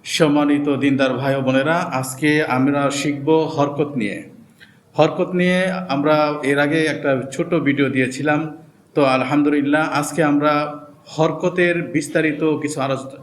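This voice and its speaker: A man with a fairly high voice gives a slow, patient lesson, repeating each point and drawing out letter sounds. A faint hiss sits under his voice. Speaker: Quran reading teacher.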